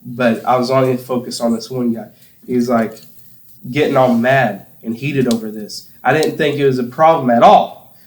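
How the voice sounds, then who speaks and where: A man's voice: mid-range voice, steady tone, moderate pace, roomy sound, a little hiss or hum, rough recording. A young man from Tennessee, hosting a casual chat with friends, rambling through stories and laughing often. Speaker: podcast host.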